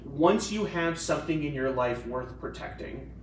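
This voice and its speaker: A man's voice: fairly high pitch, lively intonation, moderate pace. Male attorney, co-host, conversational and joking; roomy echo, faint noise. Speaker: estate planning attorney, co-host. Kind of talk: casual professional discussion. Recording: echoey room, mic at a distance, faint background noise.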